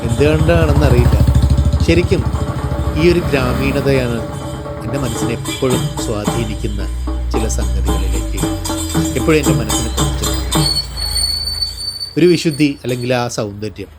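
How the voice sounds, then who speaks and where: A man from Kerala with a Kerala accent narrates a descriptive vlog in a reflective, measured way, phrase by phrase. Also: mid-range voice. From Palakkad district, Kerala, India. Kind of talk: descriptive vlog narration of local temple customs. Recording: voice-over with music behind. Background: music.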